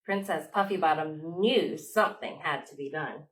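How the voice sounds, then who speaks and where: A deep-voiced woman leads storytime for young children, reading aloud expressively and pausing dramatically, much as a children's librarian would.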